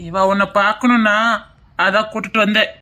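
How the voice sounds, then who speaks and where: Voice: medium pitch, level tone, fairly quick, pushed and bright, natural voice. An actor playing a cold, resentful older brother with a Tirunelveli Tamil accent, speaking curtly and bitterly. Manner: curt, bitter.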